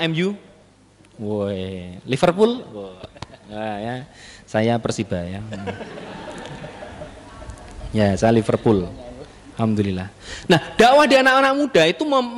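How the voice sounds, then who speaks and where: A man delivers a humorous sermon. He teases and jokes with the audience. His voice sits high and rings out in a large hall with a long reverb tail. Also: a bit bright. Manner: joking, playful, teasing the audience. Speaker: Islamic preacher.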